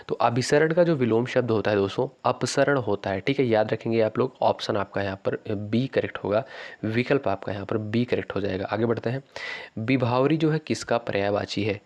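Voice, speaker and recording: A man teaching an exam-prep lesson. He reads each quiz question slowly, often says it twice, calls his viewers friends and repeats the correct option. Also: fairly low pitch. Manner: repeats questions slowly, stretches words, keeps saying "friends".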